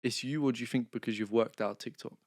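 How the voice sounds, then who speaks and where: A man's voice: medium pitch, steady tone, quick pace, a little mellow, no room sound, studio quality. A young man hosting a podcast, chatty and asking long, rambling questions. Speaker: podcast host. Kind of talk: casual interview.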